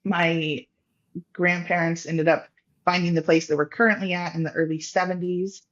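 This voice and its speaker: A woman's voice: on the low side, level tone, normal speed. A woman who farms in California, a guest on a podcast, talking in a friendly, chatty way and laughing easily. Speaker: farm founder and guest. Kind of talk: casual podcast interview. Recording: slightly dull lo-fi sound.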